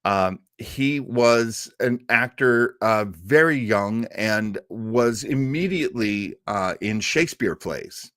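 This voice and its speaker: Recorded at studio quality with no room sound, a man hosting an old radio and film show rambles enthusiastically through informal, unscripted film history stories. His fairly low, slightly bright voice has lively intonation, moving slowly with few pauses.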